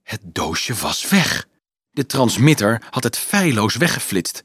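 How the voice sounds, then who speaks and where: A man reading a novel aloud in a calm, measured narration. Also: mid-range voice, breathy edge, no echo, studio quality. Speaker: audiobook narrator. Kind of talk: scripted narration.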